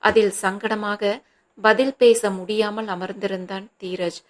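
A woman narrating a novel in a steady, measured reading voice. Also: mid-range voice. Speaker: audiobook narrator.

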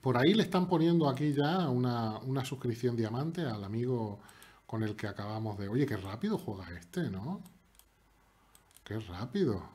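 A man commentates his own live chess game, his slightly husky voice swinging widely in pitch as he jokes. He teases his opponent and chats to his viewers in a playful, animated way. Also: normal speed. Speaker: chess streamer. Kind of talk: live commentary while playing online chess.

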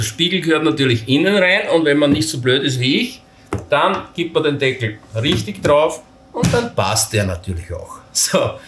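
A man's voice: medium pitch, fairly bright tone. A man casually walking through assembling camping gear step by step, talking while he handles the parts and poking fun at his own mistakes. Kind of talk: hands-on assembly tutorial. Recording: roomy echo with faint noise.

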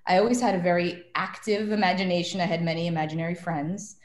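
Talking fast in a lowish voice with fairly even intonation, a guest tarot reader from New York, USA, chats on a laid-back podcast. She's a rambling storyteller who fills her talk with "like," and the room sounds echoey.

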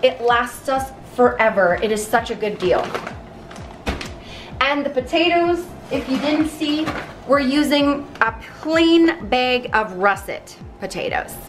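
A woman's voice: sits high, animated, takes it slowly, over music. A woman in her thirties, from Canada, chatting step by step through a meal prep in her home kitchen. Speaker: vlogger. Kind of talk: casual cooking vlog.

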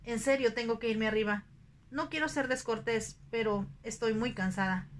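A woman voicing an innocent, candid young woman in a soft ASMR audiobook reading, in a sweet, earnest and naive way. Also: on the high side, moderate pace, a little hiss or hum, lightly acted.

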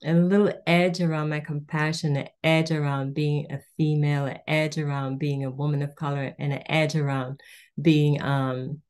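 A Jamaican woman with a low voice talks as an interview guest over a video call. She tells stories warmly and acts out the voices of the people in them. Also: little pitch movement, normal speed, smooth. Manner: warm storytelling, acts out quoted voices.

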